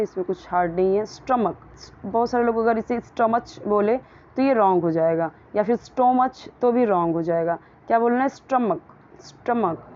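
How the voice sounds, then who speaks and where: A woman teaching English grammar and pronunciation in a casual, patient way, often repeating words slowly so they can be copied. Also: medium pitch, warm tone, dull audio.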